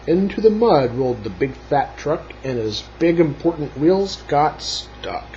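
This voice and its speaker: Slow, sing-song man reading a storybook. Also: on the high side, very animated, dark tone, muffled recording, a little hiss or hum. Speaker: reader of a children's book. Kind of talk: reading a picture book aloud.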